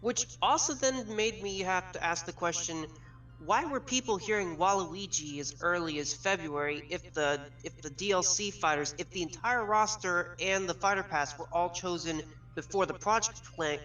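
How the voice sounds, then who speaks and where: A man's voice: high-pitched, normal speed, bright, forceful tone. A man as a guest on a casual gaming chat, explaining his theories step by step in detail. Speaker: guest with leak source. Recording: far from mic, faint music.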